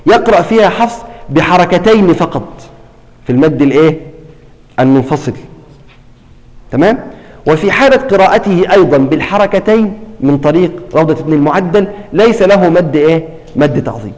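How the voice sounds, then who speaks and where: A man with a fairly high voice, darkish tone and lively intonation teaches a tajweed recitation class. He prompts his students with questions and repeats each key term. When demonstrating readings he stretches words slowly, and a long hall reverb rings around him.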